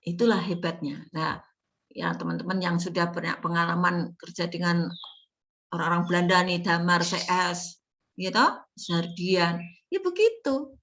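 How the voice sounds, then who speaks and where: A middle-aged woman, a nursing lecturer telling stories in a casual, animated class talk full of rhetorical questions. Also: lowish voice, normal speed, lo-fi sound. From Indonesia. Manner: chatty, animated storytelling with laughs and rhetorical questions.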